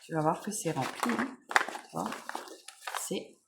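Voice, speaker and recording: Over a very noisy background, a woman vlogger with a deep voice chats in an unhurried, relaxed manner while unboxing beauty products. She uses plenty of fillers and keeps correcting herself.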